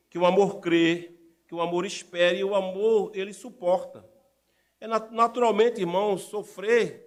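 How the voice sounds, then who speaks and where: Male pastor, middle-aged, high-pitched, lively sermon delivery with constant rhetorical questions. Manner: animated, rhetorical questions to the congregation. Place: church.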